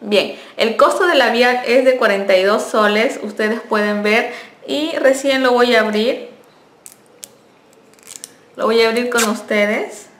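Reviewing a beauty product in an echoey room, a young woman who vlogs about beauty talks in a friendly manner and corrects herself along the way. She speaks at a measured pace with long pauses, and her voice is on the high side and fairly bright.

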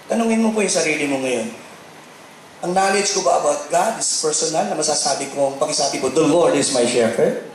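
A middle-aged Filipino man preaching a sermon as pastor, animated and mixing in English, at times rising to shouts. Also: fairly high pitch, brisk. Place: large church hall. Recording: very echoey hall with faint noise.

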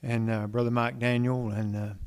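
A man from a gospel group making casual stage talk in a rambling, halting way with many fillers. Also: mid-range voice, little pitch movement, clean tone.

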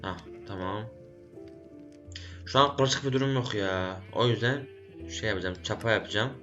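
A man's voice: on the low side, moderate pace, fairly bright tone, dull audio, faint music behind. A man giving casual gameplay commentary, talking to himself and scolding the animals and the game as he plays. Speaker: gaming YouTuber.

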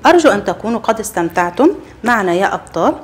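A woman teaching young children a letter lesson, encouraging them and repeating each sound slowly and clearly. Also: medium pitch, lively intonation, slight background noise. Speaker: kindergarten teacher.

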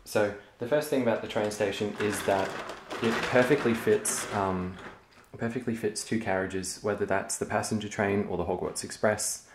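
A man's voice: lowish voice, moderate pace. Young man chatting through a home tour. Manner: relaxed, chatty, frequent ums. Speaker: LEGO hobby vlogger. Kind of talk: casual show-and-tell. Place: carpeted room at home. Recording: echoey room, faint noise.

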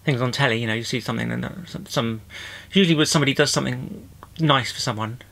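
A man's voice: fast, gravelly, fairly bright tone. A male comedian from the UK talking through a comic lockdown video diary, rambling and restarting his sentences. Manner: rambling, self-interrupting, breaks into high-pitched mock crying.

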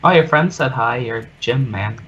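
A man's voice: mid-range voice, muffled recording, noisy background. A man chatting casually while building in a video game, joking and teasing his friend. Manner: joking, quick to tease, lively. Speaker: gamer co-host. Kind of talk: casual gaming chat.

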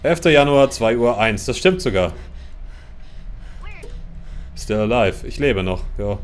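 A man doing let's play commentary on a horror game, chatty with his viewers and jumpy, swearing and shouting at scares, close on a studio mic. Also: medium pitch, lively intonation, unhurried. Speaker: let's player. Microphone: large-diaphragm studio mic, close.

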